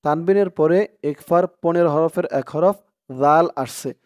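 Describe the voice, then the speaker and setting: A man teaching Quran recitation word by word, explaining each letter with slow, careful speech and chanting verses in long, drawn-out tones. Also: a little high, a little mellow, no room sound, clean studio sound. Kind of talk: word-by-word Quran spelling lesson.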